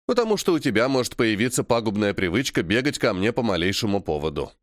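A man's voice: fairly low pitch, sing-song, fast talker, no echo, studio quality. A man reading the lines of a stubborn, evasive male mage mentor in an audiobook, brusque and dismissive. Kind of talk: audiobook dialogue.

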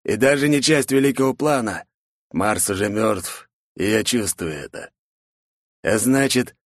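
Man doing arrogant male boss, pompous, drawling, mid pitch, dry sound. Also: dry recording, close to an everyday voice. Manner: lazy drawl turning to pompous speeches. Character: arrogant, callous male boss, grandiose and mocking. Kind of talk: audiobook character voice.

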